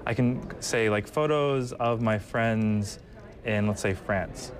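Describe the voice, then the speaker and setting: Being interviewed, a product manager explains a product casually, walking through it step by step with examples in an informal way. His voice is on the low side and his pace slow.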